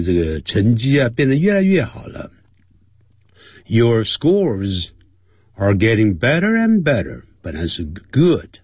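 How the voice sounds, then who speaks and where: Guy teaching english on the radio, voice swoops all over, slow and a bit husky, dry sound. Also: no echo. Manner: explains word by word, repeats pronunciations slowly; lively, swooping pitch. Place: radio studio.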